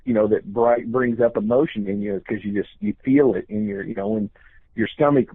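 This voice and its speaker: An older man speaks in a casual, earnest and halting way, repeating phrases as he reflects. The voice is mid-pitched, on a dry, thin, phone-like recording. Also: lively intonation, creaky, husky, no echo.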